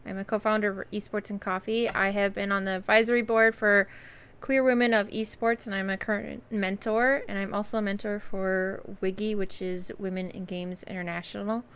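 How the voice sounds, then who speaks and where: Bright, upbeat woman stream host. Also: mid-range voice, steady tone, normal speed, smooth. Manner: upbeat, laughs often. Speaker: host and esports coach. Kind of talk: casual livestream chat. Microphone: live stream microphone.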